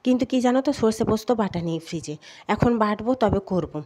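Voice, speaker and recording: A woman's voice: medium pitch, fast talker, dark tone, poor audio. A middle-aged woman talking to viewers in a chatty, homely way over a cooking vlog, a little out of breath. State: slightly out of breath. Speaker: vlogger. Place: home kitchen. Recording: audible background noise.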